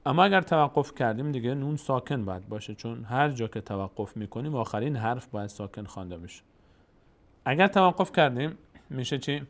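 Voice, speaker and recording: Male Quran reading teacher, mid-pitched, patient, demonstrates by stretching syllables. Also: animated. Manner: patient and explanatory, stretching out sounds slowly to demonstrate. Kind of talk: step-by-step recitation lesson.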